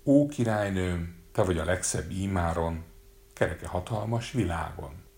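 A man's voice: deep voice, expressive, darkish tone. A man voicing a solemn, all-knowing magic mirror in a storybook reading.

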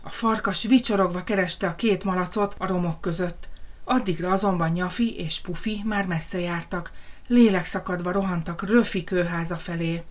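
A woman reading a children's fairy tale aloud in a lively, expressive storytelling manner. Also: fairly low pitch.

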